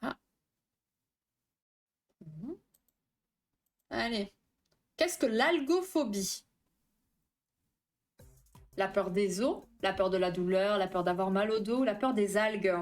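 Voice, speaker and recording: A woman therapist hosting a live stream, chatting casually with viewers, reading the chat aloud, talking fast and tripping over her words. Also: medium pitch, soft background music.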